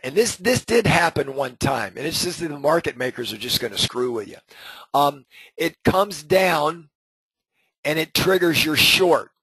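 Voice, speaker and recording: A middle-aged man talks his members through trade setups in an easy, conversational lesson, tossing in "okay?" and "right?" to check they follow. His voice is husky and sits a little high for a man. The sound is dry and close, with no room around it. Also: fairly bright tone, no echo, poor audio. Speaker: trading group host. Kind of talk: casual market lesson over charts.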